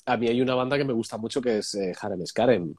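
A man with a Spanish accent hosting a casual interview, talking in a relaxed, conversational way with some mild swearing. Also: mid-range voice, fast. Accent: Spanish from Spain.

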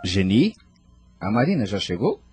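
A man's voice: on the low side, very animated, moderate pace, darkish tone, breathy edge, no room sound, faint music behind, heavily acted. An actor in a radio drama playing a grieving father who talks in an earnest, reflective way. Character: grieving widowed father seeking faith.

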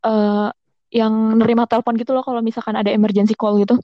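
Young girl chatting eagerly, bit high pitched, dull lo-fi sound. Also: level tone, fast talker, dry recording. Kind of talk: casual chat.

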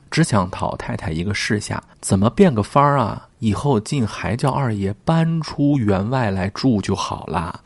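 A low, husky man walks viewers through a classic novel, his pitch swinging widely as he acts out the dialogue. He talks directly to his audience, and the sound is close and dry. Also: no room sound. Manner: animated, reads quoted dialogue dramatically, talks to viewers directly. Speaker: literature commentator. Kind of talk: storytelling commentary on a classic novel.

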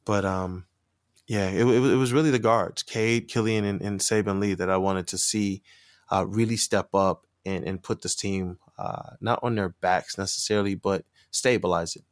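Low-voiced man, hesitant podcast guest. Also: fairly even intonation, normal speed, dry recording, studio quality. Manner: hesitant, many fillers and repeats. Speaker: podcast guest, sports media member. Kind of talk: casual sports podcast chat.

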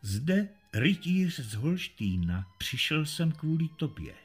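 A proud, defiant castle lady, voiced by a male reader, speaks calmly and with measured firmness. Her husky voice sits over faint music in this storybook reading. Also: on the high side, pitched above the performer's own voice. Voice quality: calm, measured. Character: dignified defiant noble lady, a mother.

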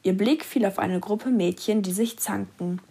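A woman reading a children's story aloud in a calm, even storytelling manner. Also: medium pitch, normal speed, vocal fry, husky.

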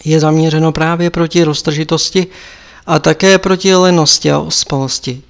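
A man reading an audiobook, voicing an old male lama abbot who admonishes his pupil in a measured, lecturing way. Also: fairly high pitch, steady tone, gravelly, smooth. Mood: instructive.

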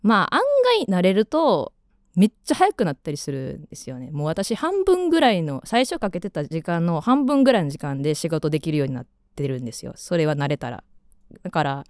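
Kansai girl in her 20s chatting on the radio, low voice, jumps all over in pitch, dry studio. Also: sing-song, a little fast, darkish tone, no echo. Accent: Kansai Japanese. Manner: chatty, rambling, with frequent fillers. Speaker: radio host. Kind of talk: casual radio chat.

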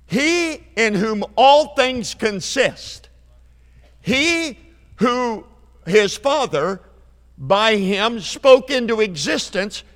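A man in his seventies preaching a revival sermon, emphatic, repeating key phrases and building to loud climaxes. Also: very high voice. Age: 70s. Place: church sanctuary. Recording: long hall reverb.

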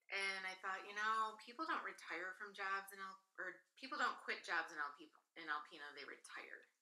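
A woman in her late thirties from northern Michigan, USA, is a guest in a casual interview, rambling on at length in a chatty way and laughing easily. Her mid-range voice sounds pushed and bright, and the recording is rough.

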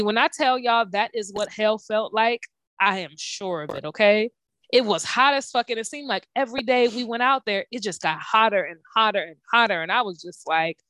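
A woman co-hosting a casual podcast over a video call, telling a story in an animated, profane way and acting out other people's lines. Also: mid-range voice, no room sound. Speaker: podcast co-host.

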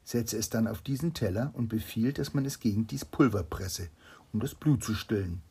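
A calm, learned court doctor from an old tale, read aloud by a man to a child. The voice is low and gravelly, dark-toned and breathy. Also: normal speed. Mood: solemn. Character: calm, wise court physician.

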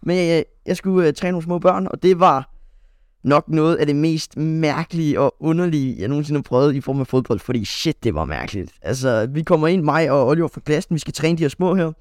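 A man's voice: a little high, no echo, clean studio sound. A young man co-hosting a podcast, telling a rambling story in casual chat, full of fillers and restarts. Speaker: podcast co-host.

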